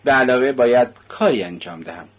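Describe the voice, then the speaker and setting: A man reading a novel aloud, voicing a restless, agitated poor young man in a raised, husky voice. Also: mid-range voice, animated, highs cut off.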